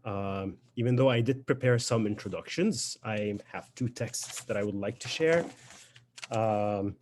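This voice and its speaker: A man's voice: fairly low pitch, a little slow, darkish tone, a little hiss or hum. A young man with a Lebanese accent and Arabic as his first language, a poet speaking informally and reflectively to introduce a reading, with frequent hesitations. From Beirut, Lebanon.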